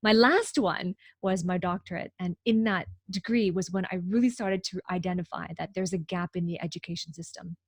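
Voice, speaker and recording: A woman's voice: lowish voice, a little fast, few pauses, no echo. Woman from hong kong on a video call, upbeat, dry sound. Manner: upbeat, laughs often, rephrases. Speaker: guest.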